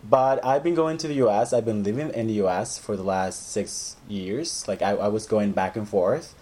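A Salvadoran man whose first language is Spanish appears as a guest in a casual interview chat; he's an English teacher. He's hesitant, restarts often, and leans on "like" and "right?", with a lowish, slightly mellow voice at a moderate pace.

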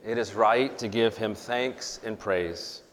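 A pastor leading an Easter communion liturgy, speaking in a measured, earnest way, with a long cathedral-like echo around his voice. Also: lowish voice, a bit bright. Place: church sanctuary. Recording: long reverb in a large church hall.

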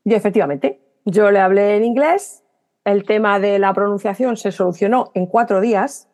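A middle-aged woman from Spain with a Spanish accent, a writer and guest on a podcast interview, telling stories briskly and acting out remembered dialogue, often restarting her sentences. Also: medium pitch, a little mellow. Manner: talks in quick bursts with restarts and self-corrections.

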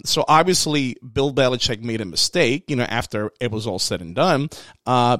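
A man's voice: medium pitch, no echo. A man hosting a casual commentary with practical tips, speaking earnestly to his listeners and repeating phrases for stress. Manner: conversational, addresses listeners directly as folks. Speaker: host giving workplace hiring advice.

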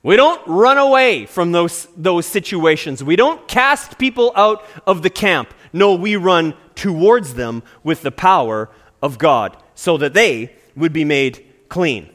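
A man's voice: high voice, sing-song, measured pace, fairly bright tone. A male pastor preaching an earnest sermon with emphatic stresses.

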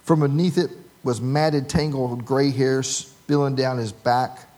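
A man's voice: medium pitch, steady tone, unhurried, darkish tone. A man preaching a sermon, telling a humorous story with voices for the people in it. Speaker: pastor.

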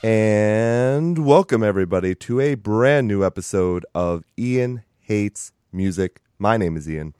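A man's voice: low-pitched, unhurried, hardly any pauses, a little mellow, clean tone, no echo, faint music behind. Congested man hosting a podcast. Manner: dry, self-mocking humor. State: congested from sinus trouble. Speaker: podcast host. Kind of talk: casual podcast chat.

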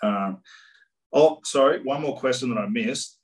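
A man with a medium-pitched voice chats casually as a podcast co-host. He is matey with a dry sense of humour. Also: unhurried.

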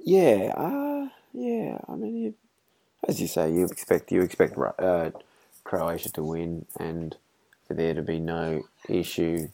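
A man with a dark, mellow voice and a gravelly edge, co-hosting a casual sports podcast. He throws in dry, quick quips between his co-host's thoughts. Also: low voice, big pitch swings. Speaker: podcast co-host.

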